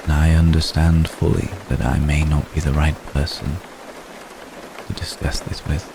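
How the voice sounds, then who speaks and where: A man gives an intimate dramatic monologue as a love-struck vampire gentleman centuries old, an ASMR roleplay set against steady rain. His voice is rumbling low and creaky, gentle and concerned, with formal, halting, soft-spoken delivery that's apologetic, tender, and deliberately phrased.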